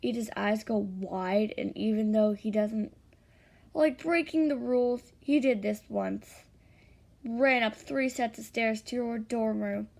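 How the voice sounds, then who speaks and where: A woman's voice: a little high, fairly even intonation, takes it slowly, creaky, darkish tone. A young woman reading her own fan fiction aloud in a tired, plain way, with small slips. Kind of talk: reading a self-written fan story.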